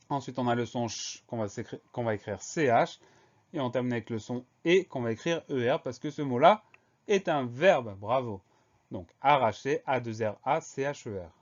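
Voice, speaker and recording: Speaking at a medium pitch, a male teacher leads a spelling lesson, going through each word letter by letter. His dictation is slow, clear, steady and methodical, captured on a slightly dull, lo-fi recording.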